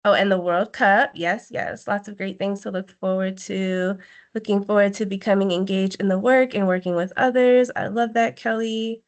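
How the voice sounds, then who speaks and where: A woman's voice: mid-range voice, fairly even intonation, moderate pace. A woman on a video call who reads chat replies aloud and cheers each one on in an upbeat, encouraging way. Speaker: meeting co-facilitator. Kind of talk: casual online meeting chat.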